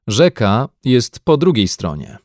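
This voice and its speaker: A man's voice: mid-range voice, big pitch swings, slow, darkish tone, no echo, studio quality. A man voicing a confident, bossy family father in an audiobook reading, hearty and commanding. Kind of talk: audiobook character voice.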